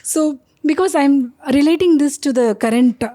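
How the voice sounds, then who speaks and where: A woman's voice: high voice, moderate pace, dark tone. A middle-aged woman with an Indian accent hosting an interview, introducing her guest and asking questions. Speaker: interview host.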